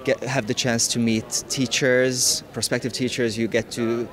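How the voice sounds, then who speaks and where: A young man from Hungary, a prospective student, answering interview questions in a halting way, often restarting. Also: medium pitch, little pitch movement, a bit bright.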